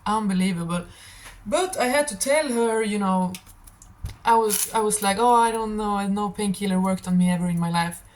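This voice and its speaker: Hosting a tarot stream, a young non-native English speaker rambles casually through animated, scattered stories. She talks at a normal speed with a medium pitch and a touch of rasp.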